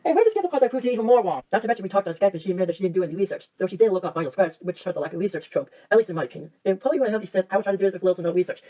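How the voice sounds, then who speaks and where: A man, the reviewer under criticism, speaking in a flat, monotone way in online review commentary. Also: high voice, rapid-fire, few pauses.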